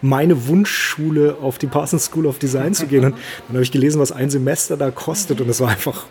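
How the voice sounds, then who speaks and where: A man co-hosting an interview in a casual, chatty and animated way. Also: mid-range voice, brisk.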